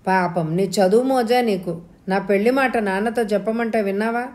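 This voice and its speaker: A woman reading an audio novel, voicing a quick-tempered, scornful elder sister who shouts at her younger sibling. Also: medium pitch, close to an everyday voice. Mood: angry scolding.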